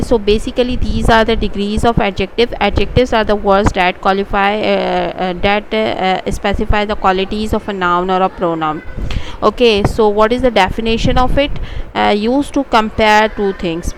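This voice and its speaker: A woman's voice: medium pitch, poor audio. Woman, tutor, hesitant with fillers, mixes English and Hindi, faint traffic behind. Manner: hesitant, many filler sounds, switches between English and Hindi. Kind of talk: slide-based grammar lecture.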